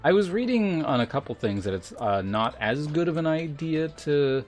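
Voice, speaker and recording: A game streamer reads chat aloud and rambles casually through a livestream, dryly sarcastic and swearing freely, with game music behind him. His voice sits on the high side, swings widely in pitch and moves at a moderate pace.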